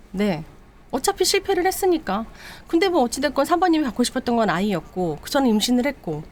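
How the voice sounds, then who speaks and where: Brief: young mistress, soft and earnest, pleading, a little higher than the teller, acted by a woman. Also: slight background noise. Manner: earnest, explaining herself.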